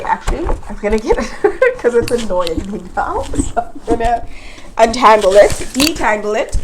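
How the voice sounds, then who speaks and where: A young woman with a nasal, stuffed-up voice chats casually as she repots a plant. Her voice sits a little high, and she rambles and chuckles to herself between thoughts. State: nasal from hay fever. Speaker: plant channel host. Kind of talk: casual chat while repotting.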